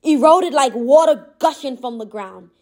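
Woman, high voice, impassioned motivational monologue, gentle but firm delivery. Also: moderate pace. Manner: impassioned, repetitive emphatic phrasing.

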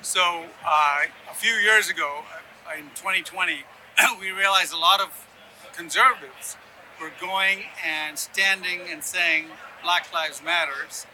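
This conservative activist, Ghanaian-born and brought up in Sudan, Yemen and Ethiopia, offers opinionated political takes in an interview, frequently adding "right?" His slightly high voice is sharp and measured, captured on a low-quality recording with slight background noise.

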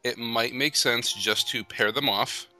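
A man's voice: medium pitch, a little slow, sharp tone, faint music behind. A man hosting a podcast, chatting casually as he leads a ranking game. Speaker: podcast host.

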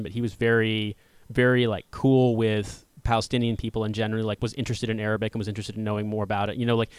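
A man in his thirties from the United States, talking fast and animatedly in a casual political discussion, with frequent restarts. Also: lowish voice, smooth, dry recording.

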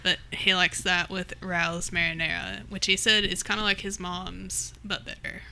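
Bright Southern Kentucky woman, casually chatting. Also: on the low side, fairly even intonation, moderate pace. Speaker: talk show host. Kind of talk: casual chat, reading out audience comments.

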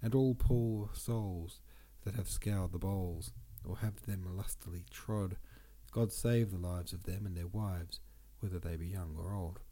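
This podcaster is a man with a low voice who keeps a measured pace and pauses very little. Congested and sniffling, he reads old verse aloud and adds relaxed commentary along the way.

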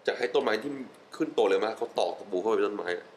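A man's voice: lowish voice, animated, fast, slight background noise, poor audio. A young adult man talking casually as a podcast guest, enthusiastic, often laughing and repeating words for emphasis. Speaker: wellness guest. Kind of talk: casual interview chat mixing English.

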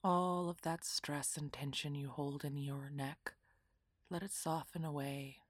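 A woman guiding a relaxation meditation in a soft, half-whispered, soothing voice. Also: deep voice, fairly even intonation, a little slow, dry recording, studio quality. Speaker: meditation guide.

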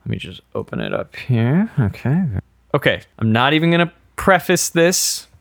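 A man's voice: medium pitch, big pitch swings, normal speed, gravelly, dry recording. A man co-hosting a podcast in casual chat, dry and teasing, reading out old notes. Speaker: podcast co-host.

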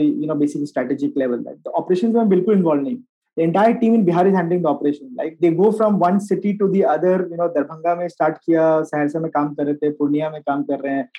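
A man's voice: fairly high pitch, warm tone, breathy edge, low-quality recording. A man with a North Indian accent giving conversational, explanatory interview answers and often tagging his points with "right?". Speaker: interview guest, social entrepreneur and designer.

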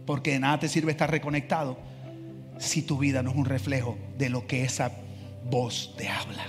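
A man preaching a sermon as pastor, animated, acting out the voices in his stories. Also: medium pitch, normal speed. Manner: animated, acts out voices in dialogue. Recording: long hall reverb, faint music.

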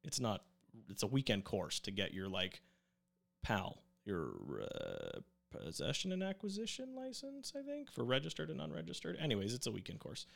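Young man, podcast co-host, casual rambling chat, joking, medium pitch. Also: wildly swooping pitch, normal speed, vocal fry, fairly bright tone. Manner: joking, rambling, many fillers and restarts.

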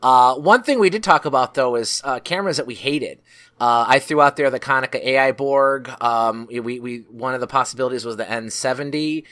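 A man's voice: medium pitch, fairly quick, a bit bright. A man hosting a podcast over a remote call in a casual, chatty way. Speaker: podcast host.

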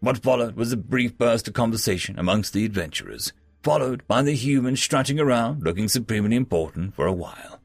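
A man's voice: medium pitch, no room sound. A man narrating a fantasy story as a storyteller.

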